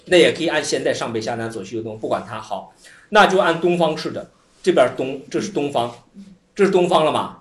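A lively Buddhist scripture teacher, voice swinging up and down at a middling pitch. The talk runs as a loose explanatory lecture, full of repeated phrases and easy chuckles. The voice sits in a roomy, echoing space. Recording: roomy echo.

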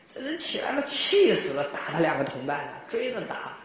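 A man giving a Buddhist dharma talk, telling stories in an animated way and often chuckling. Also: fairly high pitch, a little fast. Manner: animated storytelling, frequent chuckles. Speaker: Buddhist teacher. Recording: very echoey room.

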